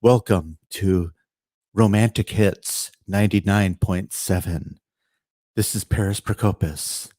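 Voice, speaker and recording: A man putting on a dreamy, smooth late-night radio DJ voice, slow and low. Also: a little mellow, no echo.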